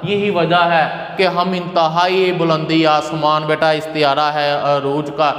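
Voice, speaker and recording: A man's voice: on the high side, little pitch movement, a little slow, fairly bright tone. A male college teacher lecturing on Urdu poetry, calling students "beta", glossing difficult words and chanting verses, with a Pakistani Urdu accent. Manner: recites verses in a chanting lilt. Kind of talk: classroom lecture explaining poetry. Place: classroom. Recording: echoey classroom with long reverb.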